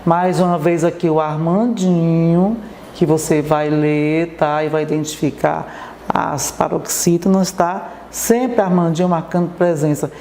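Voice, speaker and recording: Brief: Brazilian woman teacher, TV lesson, mellow low voice, patient and checking in often, echoey room. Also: fairly even intonation, measured pace, slight background noise. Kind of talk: TV classroom lesson.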